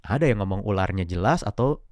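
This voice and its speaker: Low-voiced man explaining casually, close and dry. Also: expressive, brisk, a little mellow, no echo. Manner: explains with examples, mixes in English words. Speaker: public speaking coach and guest. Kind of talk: casual explanatory interview talk.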